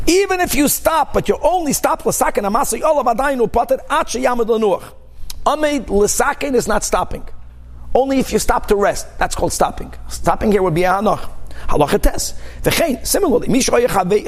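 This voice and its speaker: A man, a rabbi, teaching a religious text class, reading aloud and explaining with examples and rhetorical questions in an informal way. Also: high voice.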